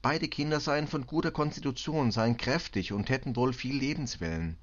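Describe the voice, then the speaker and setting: A man playing a patient middle-aged police inspector, speaking calmly, clearly and reassuringly. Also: mid-range voice, normal speed, dull audio, voice pushed up, lightly acted.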